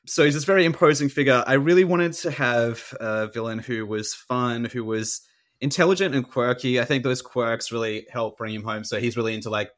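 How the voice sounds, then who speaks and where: A man's voice: on the low side, fairly bright tone. A man, talking casually and animatedly as an author guest in an interview, with many filler words.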